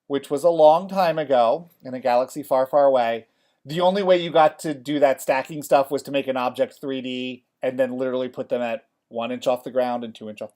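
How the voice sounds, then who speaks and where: A male college theater design instructor teaching software in a casual classroom style, often checking in with the class. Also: medium pitch. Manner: chatty, checks in with "okay?" often.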